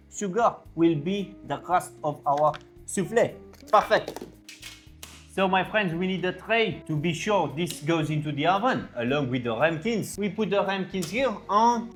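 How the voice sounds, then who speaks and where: Man acting French chef, French accent, notably high male voice, excitable, exclamatory, casual cooking tutorial, music behind. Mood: lively, enthusiastic. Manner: exclamatory, sprinkles in French interjections and kitchen sound words. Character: excitable French chef, a man, teaching soufflé with fussy delight. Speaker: cooking show presenter.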